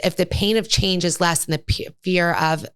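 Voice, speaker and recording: Middle-aged woman guest, low-ish voice, dry close mic, earnest storyteller. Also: fairly even intonation, moderate pace, fairly bright tone, smooth, dry recording. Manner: candid and earnest, telling a personal story. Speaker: podcast guest. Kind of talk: casual interview chat.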